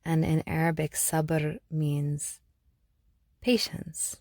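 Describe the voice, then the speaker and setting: A woman from Algeria hosting her own podcast, speaking thoughtfully with many pauses and restarts as she reflects. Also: sits low, level tone, a little mellow, dry recording, clean studio sound. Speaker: podcast host. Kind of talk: reflective solo podcast talk.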